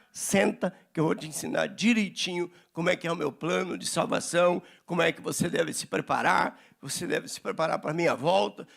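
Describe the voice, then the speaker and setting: A man's voice: sits high, creaky. A man preaching a sermon at church, acting out little dialogues as he teaches. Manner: animated preaching, acts out dialogues. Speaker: pastor.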